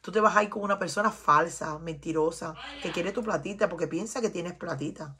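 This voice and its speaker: A Cuban woman with a Cuban Spanish accent delivers a tarot reading in a fairly quick, pushed, bright voice on the low side. She lectures her viewers emphatically and repeats herself a lot.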